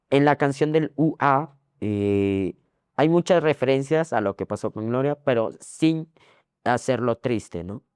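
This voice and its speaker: A young Ecuadorian man talks through his story as an interview guest, circling back over his own phrases with frequent fillers. His voice is smooth and resonant at a middle pitch, recorded close and dry. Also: a little mellow, no echo. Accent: Ecuadorian Spanish. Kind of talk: casual interview.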